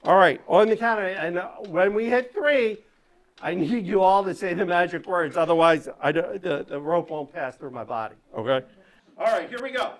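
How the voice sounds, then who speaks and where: Speaking at a moderate pace, this fairly low-voiced woman is animated as she entertains children as a stage magician. Her live patter walks them through each step and keeps them engaged with regular check-in questions.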